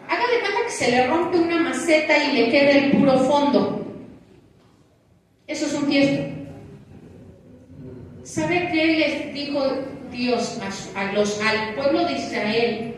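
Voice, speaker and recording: A woman preaching a sermon in a lively, teasing way, throwing rhetorical questions at the congregation. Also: high voice, takes it slowly, long pauses. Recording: echoey room, distant mic, faint background noise.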